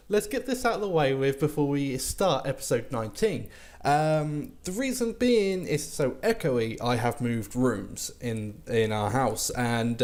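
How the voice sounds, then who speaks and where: A man's voice: fairly high pitch, a little mellow. A man, chatting casually to his viewers as a gaming host, recorded in a bare room at home that sounds echoey. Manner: rambling, lots of ums and restarts.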